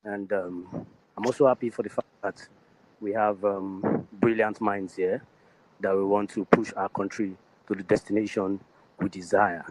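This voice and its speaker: Man, hesitant, formal, low voice. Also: flat delivery, moderate pace, darkish tone, low-quality recording. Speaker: participant asking a question. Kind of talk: casual online meeting talk.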